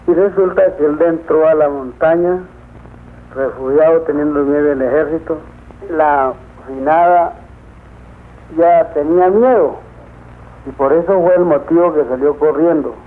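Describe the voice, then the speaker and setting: Male witness, plain halting retelling, thin lo-fi film sound. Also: on the high side. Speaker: witness recounting events. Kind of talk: spoken testimony. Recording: tinny lo-fi old film sound.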